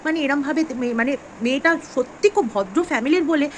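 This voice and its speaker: A woman's voice: sits high, expressive, quick pace, slight background noise, poor audio. A woman vlogging straight to camera, earnest and upset, pleading with viewers. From West Bengal, India. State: unwell. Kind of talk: direct-to-camera vlog commentary.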